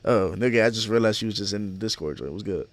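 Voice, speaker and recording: A man's voice: lowish voice, fast. A young man hosting a podcast, chatting casually with friends on a voice chat, slangy, laughing and swearing freely. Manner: laid-back, slangy, swears a lot, laughs often. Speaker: podcast host.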